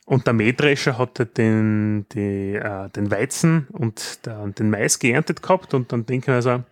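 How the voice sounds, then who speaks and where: A man with an Austrian accent hosting a casual podcast, talking in a chatty, drawn-out way with hesitant fillers. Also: mid-range voice, dry recording, studio quality. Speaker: podcast host.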